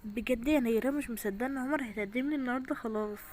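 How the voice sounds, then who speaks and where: A woman voicing a nervous, excited young bride-to-be, chatting excitably with an Egyptian accent. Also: a little high, very fast, noisy background, close to an everyday voice. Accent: Egyptian Arabic. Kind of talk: home-made toy drama.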